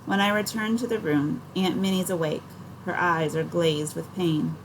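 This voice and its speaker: A woman reads a first-person novel aloud in an even, storytelling manner. Her voice sits a little low. A faint noise floor hums under the reading. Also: normal speed. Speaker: audiobook narrator. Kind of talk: first-person audiobook narration.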